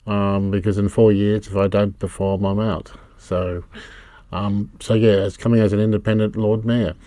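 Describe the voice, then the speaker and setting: A middle-aged man with an Australian accent, answering interview questions in a halting, rambling way. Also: fairly low pitch, flat delivery, mellow, dry recording. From Brisbane, Australia. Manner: rambling, halting, many fillers. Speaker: political candidate.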